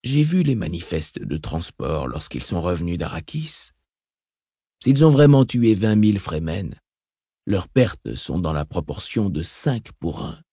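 A man voicing a calm, calculating mentat advisor in an audiobook, soft-spoken and reasoned. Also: deep voice, slightly rough, no room sound, studio quality, pitched below the performer's own voice, full character voice. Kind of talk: audiobook reading.

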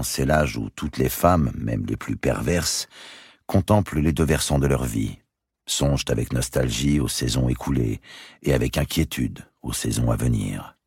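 A man narrates a historical novel in a very low, gravelly voice. His tone is husky and raspy, yet his pitch moves expressively through the sentences. The recording is close and dry. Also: no echo. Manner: expressive, dramatic reading. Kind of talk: audiobook reading of a historical novel.

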